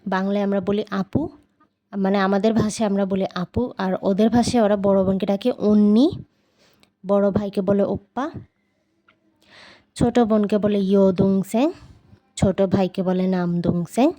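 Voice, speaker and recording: Bangladeshi woman teaching words, mellow voice, says each one slow and repeats it. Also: medium pitch, steady tone. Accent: Bangladeshi Bengali. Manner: repeats each word slowly, patient and explanatory. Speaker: language teacher. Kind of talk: casual vocabulary lesson.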